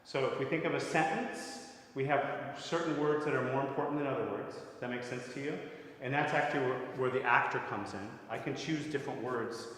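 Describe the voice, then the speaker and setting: A man's voice: medium pitch, brisk, a bit bright. A middle-aged man leading a voice masterclass, talking conversationally and often checking in with his students. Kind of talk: masterclass teaching. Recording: echoey hall with long reverb, faint noise.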